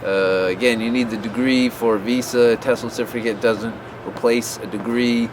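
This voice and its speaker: Street noise fills the background as an American English-teaching vlogger offers casual, unscripted advice to camera on working abroad. He speaks at a moderate pace in a steady, medium-pitched voice, rambling and frequently restarting with fillers.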